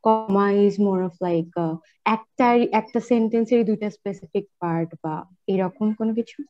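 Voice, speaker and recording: A woman's voice: mid-range voice, moderate pace, darkish tone, no room sound, muffled recording, faint music behind. A woman answering as a student in an online class, explaining carefully and searching for her words.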